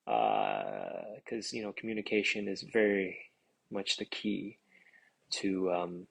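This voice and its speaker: Husky man rambling on a phone livestream. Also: lowish voice, rough recording. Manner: rambling, self-aware filler talk; upbeat and chatty with guest. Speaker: actor promoting his film on a livestream. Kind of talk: casual livestream chat.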